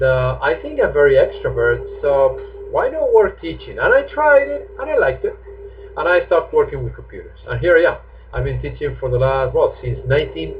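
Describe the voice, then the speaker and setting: A chatty, joking English teacher in his 50s answers students' questions during a live online class. His voice is a little high, with slight background noise, and the stream audio sounds tinny, like a phone.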